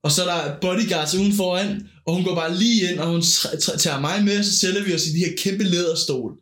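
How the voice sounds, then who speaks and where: A man's voice: high voice, fairly bright tone, reverberant. A man hosting a podcast, telling a long, rambling story in casual chat and often searching for words. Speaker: podcast host.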